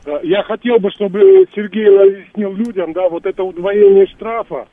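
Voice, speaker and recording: A man's voice: high voice, normal speed, dry recording. Guy phoning in to a radio show, sounds thin and tinny through the handset, keeps pushing his point. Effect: heard through a telephone handset. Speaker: caller to a legal advice radio show. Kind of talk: phone-in question. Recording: tinny phone line.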